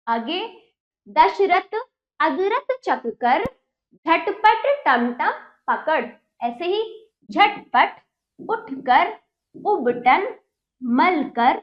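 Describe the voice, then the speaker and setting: Slow, high-pitched woman teacher, lo-fi. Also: animated. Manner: breaks words into syllables and repeats them slowly for children. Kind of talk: children's reading lesson. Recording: dull lo-fi recording.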